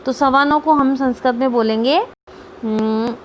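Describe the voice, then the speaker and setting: A woman teacher with a high voice explains grammar to her students. She is patient, says each term twice and keeps checking that they follow. A faint room hiss sits under her voice. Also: measured pace. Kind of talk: Sanskrit grammar lesson for students.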